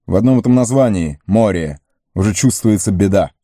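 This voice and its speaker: A man voicing a hot-headed, proud male warrior who talks in quick, agitated outbursts. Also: on the low side, dark tone, no room sound, clean studio sound, voice pushed up, close to an everyday voice.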